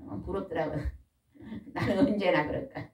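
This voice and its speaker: An older woman preaching a folksy, animated sermon in a church, often asking the congregation questions. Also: lowish voice, normal speed. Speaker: pastor's wife preaching. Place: church hall. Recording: echoey room, mic at a distance.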